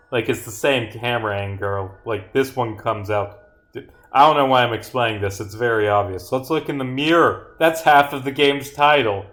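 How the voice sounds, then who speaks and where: Thinking out loud while he streams a game he made, a man with a medium-pitched voice reads dialogue aloud, rambles and swears a bit.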